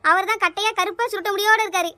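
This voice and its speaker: A woman doing a shrill wailing village wife. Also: fairly even intonation, racing, bright, forceful tone, dry recording. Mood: eager. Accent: Kanyakumari Tamil. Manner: wailing, hot-tempered.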